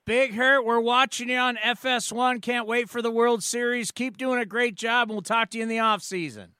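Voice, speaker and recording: A man in his forties hosting sports radio talk, telling stories in an energetic, rambling way. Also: extremely high pitch, normal speed, smooth, no room sound, clean studio sound. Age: 40s.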